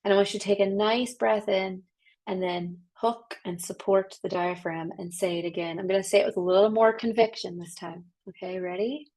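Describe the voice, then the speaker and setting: A woman's voice: medium pitch, fairly even intonation, normal speed, darkish tone. Upbeat woman voice coach on a call. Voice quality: trained soprano voice. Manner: chatty, upbeat and encouraging, with casual fillers. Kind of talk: online voice workshop instruction. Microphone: video call.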